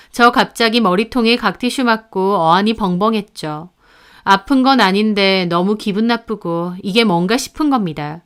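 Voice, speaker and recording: A woman's voice: mid-range voice, clean tone. A middle-aged woman narrating a personal family story in the first person, indignant and aggrieved. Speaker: narrator telling her story.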